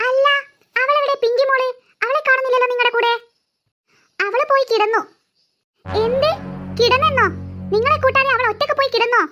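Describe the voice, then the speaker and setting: A sharp-tongued cartoon mother scolds and mocks her daughter. The voice sits very high and sounds bright and sharp. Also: steady tone, brisk, long pauses, soft background music. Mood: scolding. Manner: scolding, sarcastic. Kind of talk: cartoon voice acting.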